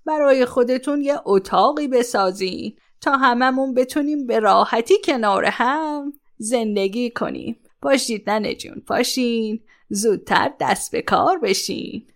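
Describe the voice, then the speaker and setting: Woman doing a sweet old granny for a kids story, gravelly and a bit high, soothing everybody. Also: natural voice. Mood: gentle. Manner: soothing, coaxing, calls everyone dear. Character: kind, motherly old village woman. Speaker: voice actor. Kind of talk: children's audio story acting.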